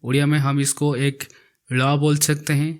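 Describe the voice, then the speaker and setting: A man's voice: fairly high pitch, little pitch movement, clear, resonant tone. A man teaching an alphabet lesson, saying each letter twice and explaining how to write it. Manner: repeats each letter slowly while writing it. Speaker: language teacher. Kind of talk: slow alphabet lesson with repetition.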